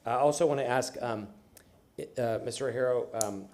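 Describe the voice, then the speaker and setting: A man on a city council, questioning staff at a public budget hearing in a halting way, with many restarts. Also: medium pitch, a little mellow, a little hiss or hum. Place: council chamber.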